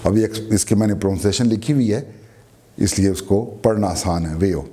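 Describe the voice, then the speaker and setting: A man's voice: on the low side, fairly quick, mellow. A man with a Pakistani Urdu accent teaching a beginner language lesson, repeating each word and its meaning.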